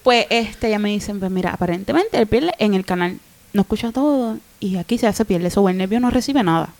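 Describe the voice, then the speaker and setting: A young adult woman, a podcast guest telling an emotional personal story in an animated way. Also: mid-range voice, a little fast. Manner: animated, acts out quoted voices.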